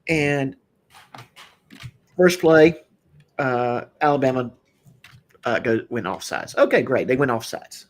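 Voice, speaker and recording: A man's voice: medium pitch, slow pace, long pauses. A man hosting a casual drinking chat show, rambling with lots of fillers and easy laughs. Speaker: podcast host.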